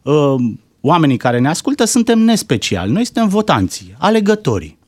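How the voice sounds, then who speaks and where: A man's voice: fairly high pitch, big pitch swings, slightly rough, dry recording. A man in casual talk, commenting as a guest, firing off rhetorical questions.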